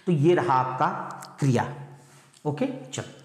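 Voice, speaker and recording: Echoey male teacher drilling grammar. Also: mid-range voice. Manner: drills students with repeated questions, calls them "beta"; slows right down to spell out example sentences. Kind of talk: online exam-prep grammar lesson. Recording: very echoey room with long reverb.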